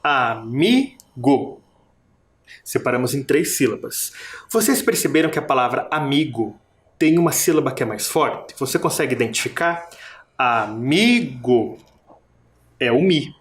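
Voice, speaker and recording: This primary school teacher has a medium-pitched, brisk voice. In her recorded video lesson she still patiently elongates words, sounds out every syllable, and asks the kids questions.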